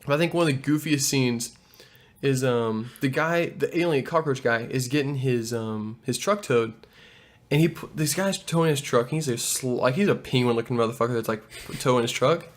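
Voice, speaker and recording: A young man co-hosts a movie review in a casual, profane chat, swearing often as he retells scenes and does the characters' voices. His voice is mid-range and his pace moderate.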